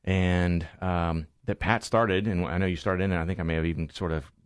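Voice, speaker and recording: A man with a low voice hosts a business talk show. He speaks conversationally and informally, wandering through his questions. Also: fairly even intonation, fairly quick, clear, resonant tone, no echo, studio quality. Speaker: radio business show host. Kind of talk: conversational interview hosting.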